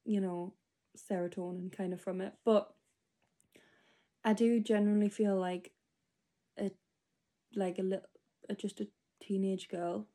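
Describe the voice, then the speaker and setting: A woman's voice: mid-range voice, flat delivery, measured pace, long pauses, warm tone. A 25-year-old woman rambling through a spoken diary entry, casual and full of fillers. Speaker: podcast host.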